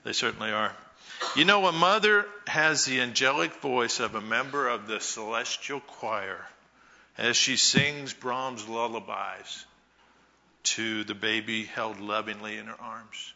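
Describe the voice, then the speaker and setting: A man giving a Mother's Day talk to a church congregation, telling folksy stories with pauses. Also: mid-range voice, gravelly, pushed and bright, muffled recording. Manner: slow, folksy storytelling with pauses. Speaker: church speaker.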